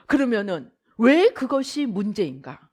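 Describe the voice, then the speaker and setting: A woman's voice: on the high side, sing-song, moderate pace, darkish tone. A middle-aged woman pastor giving a dramatic sermon, acting out the voices she quotes.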